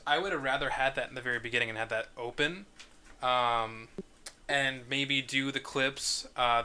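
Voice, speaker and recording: A man hosts an online script table read, leading the group discussion in a casual, conversational manner. His medium-pitched voice is clear and resonant, captured on a bright, noisy voice-call microphone.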